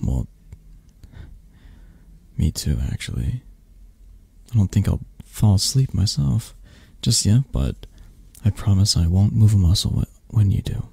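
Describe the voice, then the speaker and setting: For an ASMR romance roleplay, a man heavily acts a possessive, tender mafia boss in a lowish, dark, sing-song voice. He murmurs intimately and teasingly, slowly and haltingly, with huskiness, the sound close and dry without echo. The feeling is tender and sleepy.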